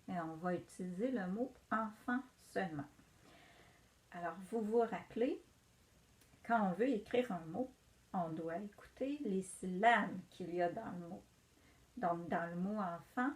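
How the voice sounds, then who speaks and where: A woman teacher giving a patient, encouraging reading lesson to young children. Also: mid-range voice.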